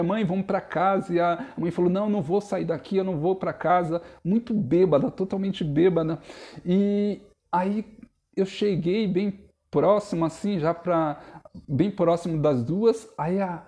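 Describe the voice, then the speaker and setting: Earnest young preacher, mellow voice. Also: male voice, high-pitched. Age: young adult. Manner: earnest storytelling, addresses listeners as brothers. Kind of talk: sermon testimony.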